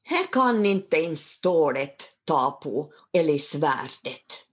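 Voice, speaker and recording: A woman voicing a clever young daughter who answers with bright confidence. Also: deep voice, sing-song, dull audio. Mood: sure, earnest.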